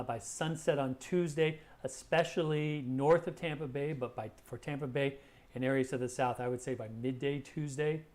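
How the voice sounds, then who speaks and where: A man's voice: medium pitch, a little mellow. A man presenting a live weather briefing as a forecaster, talking conversationally and hesitantly, often repeating words as he explains.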